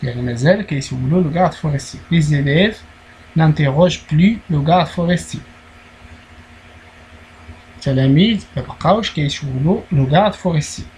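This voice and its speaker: A man with a Moroccan accent, teaching a primary school French lesson, explaining slowly and repeating key words. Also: on the high side, darkish tone, slight background noise, poor audio.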